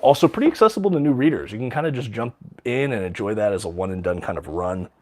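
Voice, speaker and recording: A man's voice: lowish voice, lively intonation, quick pace, dark tone. A man hosting a casual livestream, talking eagerly with many ums and uhs, a little out of breath from a cold. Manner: enthusiastic, many ums and uhs, reads out viewer questions. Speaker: livestream host showing his comic collection.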